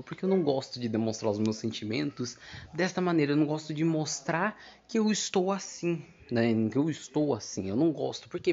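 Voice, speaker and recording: A young man chats through a casual solo podcast at an ordinary middle pitch. He rambles, loses his thread and keeps circling back with fillers. The home recording sounds somewhat dull and lo-fi. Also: darkish tone. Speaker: podcast host.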